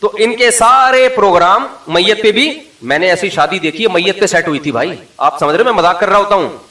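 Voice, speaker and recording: A man gives a humorous religious lecture. His voice is fairly high and sharp, and he tells stories with lively mimicry. The sound is roomy and he stands a bit back from the mic. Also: a little fast, far from the mic. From Pakistan. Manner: animated storytelling, mimics the people he quotes. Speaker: Islamic scholar.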